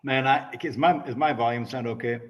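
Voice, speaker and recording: A man's voice: medium pitch, fairly even intonation, recorded from a distance, lo-fi sound. A man talking sports in a casual chat, joining remotely from his laptop on a call that sounds echoey, like a cave, and often restarting his thoughts. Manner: halting, restarts with "I mean". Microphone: laptop and camera on a remote call.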